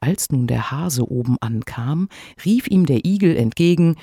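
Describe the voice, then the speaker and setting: A man reading a fairy tale aloud as a storyteller, in an expressive way. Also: fairly high pitch, unhurried, husky, no echo, clean studio sound.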